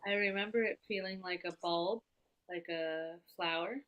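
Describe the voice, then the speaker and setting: A woman client in an art therapy session, describing her feelings haltingly and searching for words. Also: lowish voice, fairly even intonation, dull audio.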